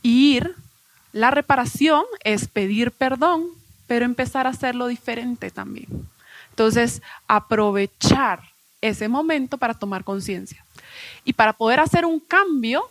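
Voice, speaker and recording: A woman speaking as a guest expert to a room of mothers, her voice sitting a little high. She explains patiently and slips into short acted examples of parents talking to children. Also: a little slow, no room sound. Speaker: guest educational psychologist. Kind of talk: explanatory talk at a live event.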